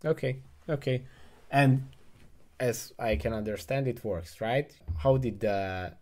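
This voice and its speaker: A young man hosts a casual interview over a video call, earbuds in, and asks probing questions. His voice is mid-range and darkish, his pace slow, and he sits indoors in a room at home with a gaming chair.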